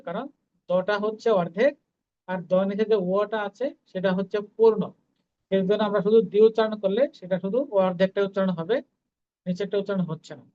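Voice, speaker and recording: Teacher chanting verses slowly, brisk explaining. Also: medium pitch, darkish tone, dull audio. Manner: drawn-out slow syllables when chanting, brisk explanations between. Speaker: Gita recitation teacher. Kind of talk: pronunciation lesson with slow chanting of Sanskrit verses.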